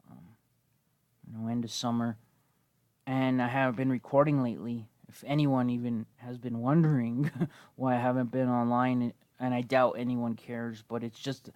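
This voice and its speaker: The speaker is a gaming video host in his 20s who is catching a cold, leaving him slightly wheezy as he gives loose, rambling, swear-prone gameplay commentary in a laid-back way. His medium-pitched voice has a level tone, normal speed and slight mellowness, in a dry, lo-fi recording.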